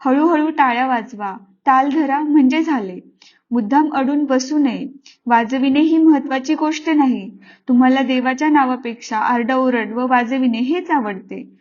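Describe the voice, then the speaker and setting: A woman voicing a village mother who admonishes her son calmly and firmly. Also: high-pitched, moderate pace, close to an everyday voice. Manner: calm, firm admonishing. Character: village mother, stern yet calm and wise. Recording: slightly muffled lo-fi.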